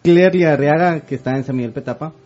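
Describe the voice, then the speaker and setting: A man co-hosting a radio show, relaxed and sending out listener greetings. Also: on the high side, fast talker. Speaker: radio co-host. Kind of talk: casual radio banter. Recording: lo-fi radio broadcast.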